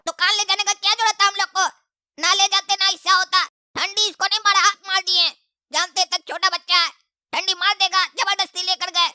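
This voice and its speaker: A cheeky cartoon boy, voiced by a woman who teases his father in long sarcastic rambles. His voice sits extremely high and sounds sharply bright. He breaks into shouts and laughter. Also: flat delivery, brisk, exaggerated voice. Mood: mocking. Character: cheeky young boy, mouthy and teasing.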